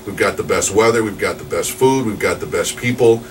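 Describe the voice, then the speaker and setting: A New Mexico man in his forties, a radio DJ by trade, speaks fairly quickly in a voice on the low side. Relaxed and upbeat in an interview, he rambles with lots of fillers and restarts. The sound is noisy and picked up from a distance.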